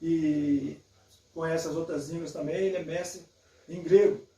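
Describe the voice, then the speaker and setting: A pastor hosts the conversation, talking slowly and carefully and checking in with little tag questions. His voice is high yet dark, heard from some distance in a reverberant room. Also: fairly even intonation. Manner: measured, hesitant, with frequent fillers. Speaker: pastor and host. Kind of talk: casual theological conversation. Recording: echoey room, distant from mic.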